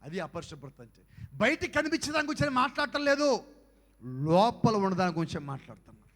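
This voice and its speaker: A man preaching to a youth camp in a big hall, his voice very high and bright, with long reverb trailing every phrase. He keeps throwing rhetorical questions at the crowd and swings from quiet asides to loud exhortation. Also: sing-song, fast talker. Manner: fires rhetorical questions at the audience. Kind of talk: evangelical youth sermon.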